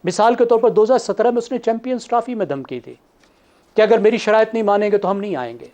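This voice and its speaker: A man, a cricket analyst explaining on a TV talk show in a measured way. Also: high-pitched, darkish tone. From Pakistan.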